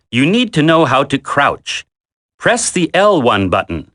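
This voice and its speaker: In a video game tutorial, an actor voices a military instructor coaching a recruit. He speaks in a mid-range, fairly bright male voice, and his manner stays firm, deliberate and commanding.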